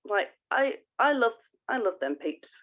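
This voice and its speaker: In casual podcast conversation, a woman co-host explains things informally and unhurriedly, frequently restarting her sentences. Her fairly high voice has big pitch swings, and the recording is narrow and phone-like.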